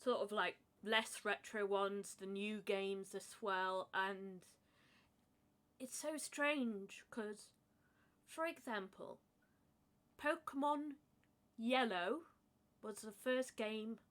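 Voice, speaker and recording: A woman's voice: medium pitch, very slow, long pauses, a bit bright. A woman chatting casually on a podcast, hesitant, with many ums and frequent laughs. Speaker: podcast co-host. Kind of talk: casual chat.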